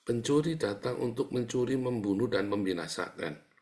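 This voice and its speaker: A man preaching a sermon. He talks to his listeners like a chatty teaser, breaks into sound-effect words, and swings between booming outbursts and soft asides. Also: lively intonation, moderate pace. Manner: addresses listeners as "saudara", chatty and teasing. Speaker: pastor.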